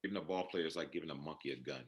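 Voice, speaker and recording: A man's voice: rumbling low, rapid-fire, highs cut off. A man playing a teasing, opinionated sports reporter in a comedy play reading over a video call. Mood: chatty.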